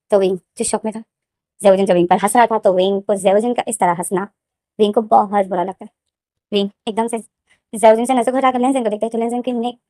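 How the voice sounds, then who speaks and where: A woman's voice: fairly high pitch, mellow, no room sound. A woman casually retelling a fan story in a chatty, rambling way, repeating names often, close to the mic.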